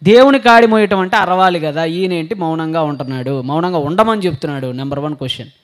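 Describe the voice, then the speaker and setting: Man preaching a sermon, sore throat, high voice, rhetorical questions to the congregation. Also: quick pace. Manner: asks the congregation rhetorical questions and answers them.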